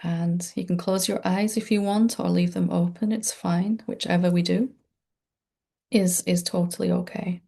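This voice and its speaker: A woman who teaches meditation guides a gentle, unscripted session, her manner soothing, informal and reassuring. Her voice sits lowish with a steady tone and moderate pace, creaky and edged with breath.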